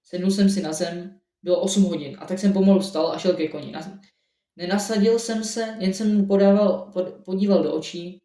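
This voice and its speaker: Halting man reading a homemade story. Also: high-pitched, dark tone. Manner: halting, with frequent restarts. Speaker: audiobook narrator. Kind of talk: first-person amateur storybook reading. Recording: roomy echo, mic at a distance.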